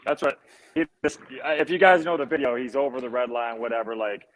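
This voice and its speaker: A man telling hockey stories in casual chat, animated and slangy, repeating himself as he goes. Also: medium pitch, a little fast, crowd noise, low-quality recording. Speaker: former hockey player guest.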